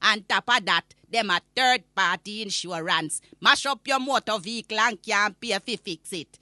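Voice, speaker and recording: A woman's voice: medium pitch, moderate pace, pushed and bright, no echo, studio quality. A woman playing a cantankerous old Jamaican granny, ranting comically in patois with indignant, emphatic scolding. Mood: grumbling, exasperated. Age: older. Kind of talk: comic rant monologue in patois.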